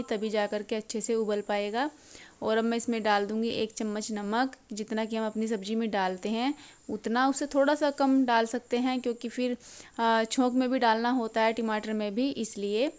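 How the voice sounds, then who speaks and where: Smooth woman cooking voice-over. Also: fairly high pitch, fairly bright tone. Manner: explains each step plainly. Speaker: cooking vlogger.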